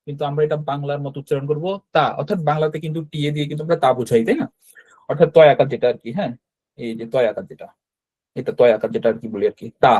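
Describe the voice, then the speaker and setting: Mellow-voiced man teaching an online class. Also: a little high, rough recording. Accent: Bangladeshi Bengali. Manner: explanatory, checks in with frequent "right?". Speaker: Japanese language teacher.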